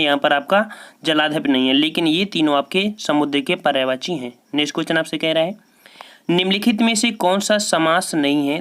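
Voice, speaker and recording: A man teaching as a Hindi exam tutor, going through practice questions one by one, reading each question out slowly and then explaining the answer with rhetorical questions. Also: fairly high pitch, a bit bright.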